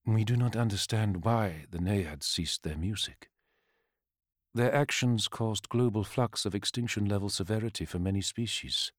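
A man voicing a detached female machine hive mind who speaks in a flat, formal way. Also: on the low side, normal speed, dry recording, studio quality, close to an everyday voice.

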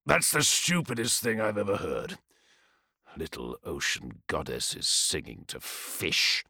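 A man's voice: sits low, huge pitch swings, slow pace, gravelly, sharp tone, slightly rough, dry recording, clean studio sound, exaggerated voice. A man voicing a brash male warrior who talks in a scornful, blunt way. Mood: mocking.

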